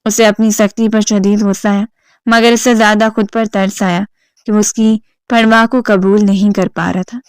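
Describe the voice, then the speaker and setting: A woman narrating a scripted story in a steady, even storytelling manner, recorded on a close mic. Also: medium pitch, clean tone, dry recording.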